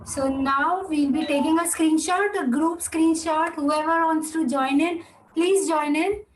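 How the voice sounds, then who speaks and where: A woman's voice: high-pitched, fairly even intonation, a little slow, slight background noise, rough recording. A woman teaching an online Mandarin class, encouraging the students and explaining pronunciation. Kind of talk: online class quiz and wrap-up.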